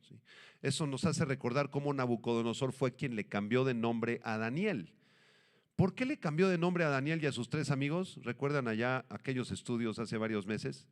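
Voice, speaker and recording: A male pastor preaching an expository Bible sermon in a teacherly manner, often asking the congregation questions and answering them himself. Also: mid-range voice.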